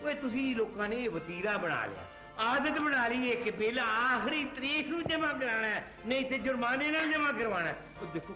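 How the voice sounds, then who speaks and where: A man's voice: high voice, pushed and bright, echoey room. An actor playing a grumpy, scolding retired father in an old TV drama. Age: older. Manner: grumbling, scolding, sarcastic. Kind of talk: 1980s TV drama acting.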